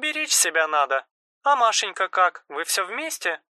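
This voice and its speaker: A man voicing an affectionate, fussing mother on the phone, in an audiobook. The voice is soft and bright, with lively, rising intonation. The recording is dry and close. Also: high voice, normal speed, no echo, pitched above the performer's own voice, heavily acted. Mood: fond, fussing. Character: caring, chatty middle-aged mother on phone. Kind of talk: audiobook narration.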